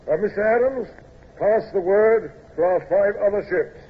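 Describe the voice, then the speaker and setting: An actor playing a dutiful, loyal navy captain in a radio drama, husky and stiffly respectful, sometimes hesitant. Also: male voice, high-pitched, moderate pace. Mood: formal, dutiful. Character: dutiful, deferential middle-aged navy captain, loyal old friend. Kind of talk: old-time radio drama acting. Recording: tinny, narrow old radio recording.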